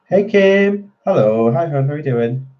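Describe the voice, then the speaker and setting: On dull-sounding audio, a man with a slightly high, animated voice talks at a moderate pace. He runs a colouring channel and keeps up a chatty live-stream conversation while colouring, responding to viewer comments, his voice a bit nasal from a fading cold.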